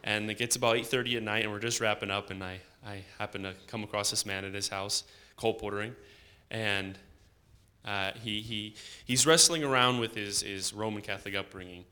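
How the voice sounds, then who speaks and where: A young man tells his testimony in a fairly low but bright voice. He retells scenes animatedly and stumbles and restarts often. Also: fairly quick, clear, resonant tone. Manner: animated storytelling with many restarts. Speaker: student literature evangelist. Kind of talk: personal testimony.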